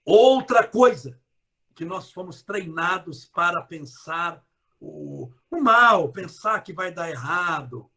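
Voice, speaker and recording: A man gives a live motivational talk in a high, strongly swooping voice. He stretches key words for emphasis, breaks into loud bursts, and keeps teasing his listeners with direct questions. His melody rises and falls sharply throughout. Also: expressive, slow pace, vocal fry. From interior of São Paulo state, Brazil. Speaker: motivational speaker.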